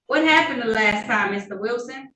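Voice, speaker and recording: A woman's voice: on the high side, normal speed, sharp tone. A woman presiding as a judge, firm but kindly, heard on a courtroom recording. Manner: firm but kindly, repeatedly addressing the defendant by name. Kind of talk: presiding over a court hearing. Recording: echoey courtroom recording from a distance.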